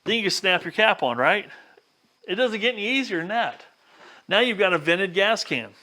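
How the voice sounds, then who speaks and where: This DIY vlog host, plainspoken and folksy, talks viewers through every step in a casual hands-on how-to. He sounds high-pitched, bright and forceful, with lively intonation at normal speed.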